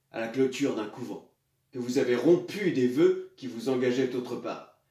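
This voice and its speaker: A man's voice: mid-range voice, lightly acted. Man acting hammy, echoey, suave Don Juan. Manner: hammy declaiming stage acting, pompous. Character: Don Juan, suave hypocritical nobleman seducer. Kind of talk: classical French theatre monologue. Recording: echoey room, far from mic.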